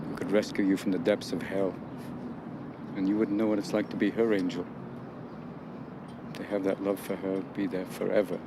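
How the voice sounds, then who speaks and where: A grieving middle-aged therapist speaks low and level, quiet and intense. The film audio carries clear street and traffic noise behind him. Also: male voice. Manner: quiet, intense, measured speech. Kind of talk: dramatic film monologue.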